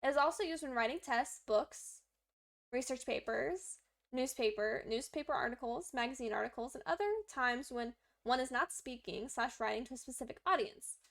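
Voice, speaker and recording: Upbeat woman livestreaming her study session, high pitched, talks to herself while working through examples. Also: normal speed, vocal fry, fairly bright tone. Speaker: livestreaming language learner. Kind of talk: reading lesson text aloud and chatting while writing notes.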